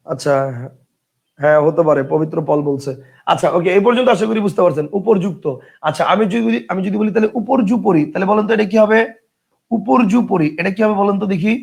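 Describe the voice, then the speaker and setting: A man's voice: sits high, fast, gravelly, a little mellow. A man teaching an online grammar class, repeating key phrases, quizzing students and reading out viewer comments.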